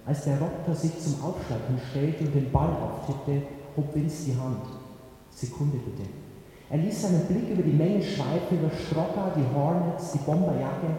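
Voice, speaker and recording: Brief: young male audiobook narrator, sardonic, mellow dark voice, reverberant room. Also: fairly high pitch, normal speed, hardly any pauses. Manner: sardonic, lively storytelling. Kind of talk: first-person audiobook narration. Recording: echoey reverberant room, faint noise.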